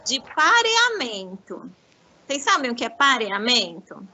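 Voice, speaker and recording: A woman giving a lecture to teachers on literacy, explaining classroom activities and slowly modeling words syllable by syllable. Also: a little high, huge pitch swings, sharp tone, lo-fi sound, a little hiss or hum.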